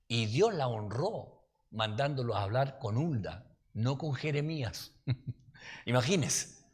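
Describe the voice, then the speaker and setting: Pastor chileno en una sala con eco. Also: male voice, mid-range voice, big pitch swings, takes it slowly. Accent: Chilean Spanish. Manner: folksy, anecdotal, asks listeners "¿ya?". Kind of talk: conversational Bible-study sermon. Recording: reverberant hall.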